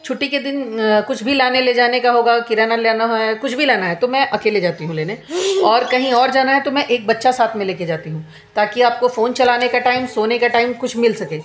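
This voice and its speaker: A woman's voice: a little high, a little fast, reverberant. A woman in her thirties venting to camera at home, complaining in an aggrieved, repetitive way. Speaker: vlogger.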